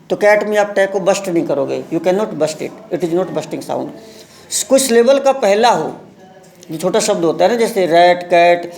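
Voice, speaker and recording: Gravelly high-voiced man teaching English. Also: a little mellow. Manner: reads English aloud very slowly, word by word, then explains in Hindi. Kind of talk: live class lesson explaining pronunciation.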